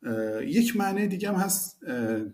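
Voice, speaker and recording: A man's voice: sits high, very animated, a little mellow. A man teaching a language lesson, explaining phrases animatedly and repeating the key words.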